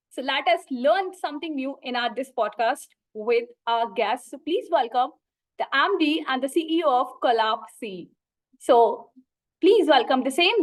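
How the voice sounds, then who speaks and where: An effusive, wordy woman with an Indian accent, hosting a podcast interview. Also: sits high. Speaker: talk show host.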